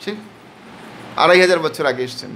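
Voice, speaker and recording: A man's voice: on the high side, normal speed, fairly bright tone, slight background noise. Bengali-accented man preaching, rhetorical questions. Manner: rhetorical questions, answering himself with emphatic repeated "yes"; leads crowd in call-and-response chanting. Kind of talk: devotional sermon.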